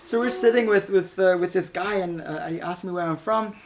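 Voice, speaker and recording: A man from Iran giving an animated, casual spoken testimony, laughing often and stumbling over repeated words. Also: high voice, fairly quick, slight background noise. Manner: animated, laughs often, acts out voices in quotes.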